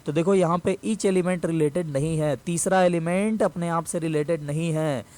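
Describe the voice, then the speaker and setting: Male maths teacher, high voice, patient step-by-step explainer who repeats key terms. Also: fairly even intonation, darkish tone. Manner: explains step by step, repeats key phrases slowly, asks and answers own questions. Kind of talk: classroom maths lesson.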